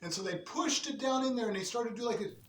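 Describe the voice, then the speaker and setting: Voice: mid-range voice, quick pace, slight background noise. A storyteller improvising a children's tale in a chatty, folksy way with sing-song asides. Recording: echoey room, distant mic, ukulele music.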